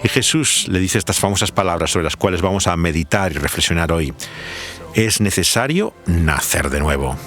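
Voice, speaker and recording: Low-voiced man hosting reflective radio. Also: expressive, music in the background. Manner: measured, thoughtful, frequent "eh" pauses. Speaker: radio host. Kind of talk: reflective radio talk on scripture and music.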